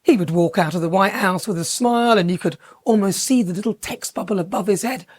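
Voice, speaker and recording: A woman's voice: medium pitch, brisk, a little mellow, breathy edge, dry recording. A woman TV presenter, delivering a scripted satirical monologue in a sarcastic, mocking way.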